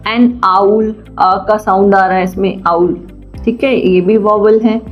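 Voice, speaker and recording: Lady teacher slowly going over grammar, asks then answers herself, kinda dull lo-fi audio with faint music. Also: medium pitch, fairly even intonation. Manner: patient, asks and answers own questions; slow and deliberate. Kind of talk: classroom grammar lesson.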